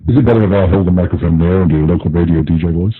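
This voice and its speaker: Man with cave-echo, tinny mic. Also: rapid-fire. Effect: boomy, cave-like echo on his mic. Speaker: podcast co-host. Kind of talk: casual film discussion. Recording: thin, phone-like remote mic with cave echo.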